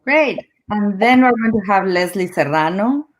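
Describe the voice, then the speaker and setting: A woman's voice: medium pitch, expressive, moderate pace. A woman from Mexico with a Mexican Spanish accent, a Spanish native speaker, hosting and introducing guests in an upbeat way. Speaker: host. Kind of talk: hosting an online event.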